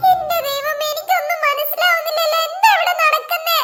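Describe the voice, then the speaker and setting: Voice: very high-pitched, flat delivery, a little fast, pushed and bright, faint music behind. A performer voicing a chatty, slightly forgetful mother in a cartoon. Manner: chatty, exclaiming. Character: chatty mother, newly moved in, a bit forgetful. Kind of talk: cartoon voice acting.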